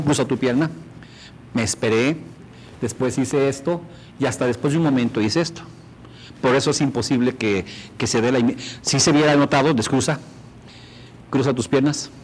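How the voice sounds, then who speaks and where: A man's voice: medium pitch, slight background noise, rough recording. Man teaching a workshop. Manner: demonstrative, addresses the audience with frequent questions. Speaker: instructor.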